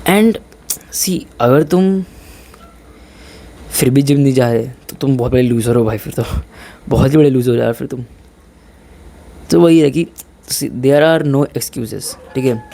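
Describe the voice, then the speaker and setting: A man's voice: mid-range voice, unhurried, vocal fry, long pauses, mellow. A young man giving casual, blunt advice on gym and studies, slipping English into his talk and calling his listeners brother. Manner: informal, mixes English in, says "bhai" a lot. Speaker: fitness vlogger.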